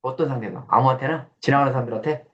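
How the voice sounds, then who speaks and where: A man's voice: mid-range voice, racing. A man giving a casual classroom lecture, blunt and teasing, who quizzes his listeners and acts out coarse quoted voices. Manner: blunt and teasing, questions the audience. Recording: dull lo-fi sound.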